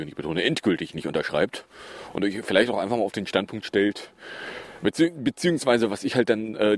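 Sarcastic low-voiced podcast man. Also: darkish tone, no room sound. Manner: sarcastic, many fillers and asides. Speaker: podcast host. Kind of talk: casual news review chat.

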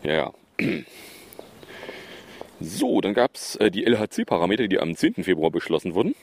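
A man's voice: low-pitched, huge pitch swings, normal speed, vocal fry, a little hiss or hum. A man hosting a podcast, running through recent news in a casual, sarcastic way with lots of fillers and asides. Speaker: podcast host. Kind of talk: casual news review chat.

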